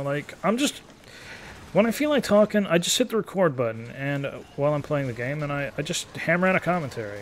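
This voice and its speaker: A gaming YouTuber in his thirties gives casual, rambling gameplay commentary in an easygoing, take-it-or-leave-it way. His voice is high, with a little hiss or hum on the recording.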